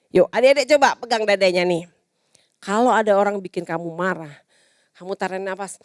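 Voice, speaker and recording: Animated Indonesian woman teaching kids. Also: medium pitch, no room sound, clean studio sound. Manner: patient, animated, talking to young children. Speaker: Sunday school teacher. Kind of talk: children's church lesson.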